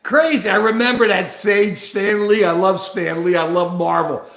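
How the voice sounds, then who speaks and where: Older male livestream host, high gravelly voice, rambling rants, roomy echo. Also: normal speed. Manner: rambling, repetitive and animated. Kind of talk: political livestream commentary.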